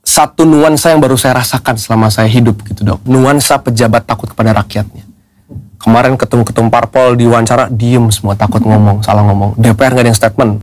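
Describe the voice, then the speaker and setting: A man talking casually as a podcast host, animated and mixing in English phrases. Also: mid-range voice, quick pace, dry recording. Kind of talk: casual chat.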